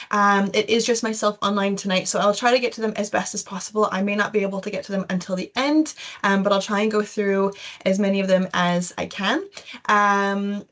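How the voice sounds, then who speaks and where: Hosting an informal webinar, a young Canadian-accented woman who works as an education recruitment consultant talks in a chatty, loose style. Her voice is medium in pitch with a fairly bright tone.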